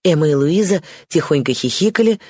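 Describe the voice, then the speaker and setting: An audiobook reader narrates in a measured, even way at a middle pitch. The recording is close and dry with no room sound. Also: breathy edge, dry recording. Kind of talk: scripted narration.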